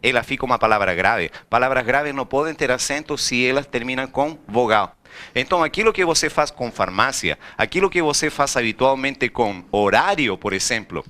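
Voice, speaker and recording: A man's voice: mid-range voice, a little fast. A man teaching Spanish in a classroom, often asking the students questions. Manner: lively, rhetorical questions to students. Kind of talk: recorded classroom lecture.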